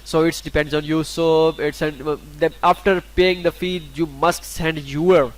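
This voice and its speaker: A Pakistani man whose first language is Urdu, a YouTuber who guides viewers through scholarships, narrates a screen-recorded tutorial. His voice sits on the high side with a level tone, and he speaks haltingly, full of fillers and restarts. The audio quality is poor.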